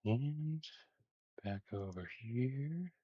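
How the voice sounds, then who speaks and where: Very slowly and with a breathy edge, a medium-pitched man with a Texan accent rambles casually on a live stream as he puts together Lego, using many fillers. There's no echo, and the audio is dull.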